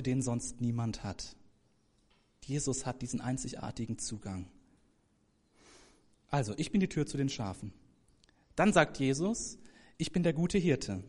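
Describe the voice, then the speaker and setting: A man preaching a sermon to a congregation, talking to them directly, now rising to loud emphasis, now dropping soft and slow. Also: medium pitch. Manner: addresses congregation directly, swells for emphasis then drops soft.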